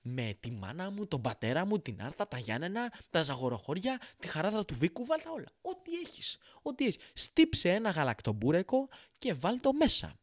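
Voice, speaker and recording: A man's voice: on the high side, wildly swooping pitch, no room sound, studio quality, voice pushed up. A man voicing a fussy, spoiled young coffee-shop customer who drags out a demanding order in a whiny voice.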